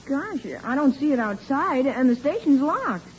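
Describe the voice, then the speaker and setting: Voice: high-pitched, sing-song, a little slow. A performer playing a blunt, wisecracking young son with gee-whiz boyishness, in 1940s radio comedy style. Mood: disappointed. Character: cheeky, skeptical schoolboy son in a sitcom. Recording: noisy, dull old radio recording.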